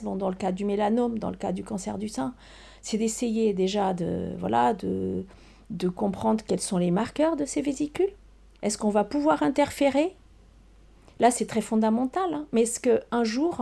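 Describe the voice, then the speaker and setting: A woman's voice: fairly high pitch, vocal fry, dark tone. An older woman, a scientist answering interview questions, hesitant with many fillers and restarts. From Portugal. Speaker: research scientist guest.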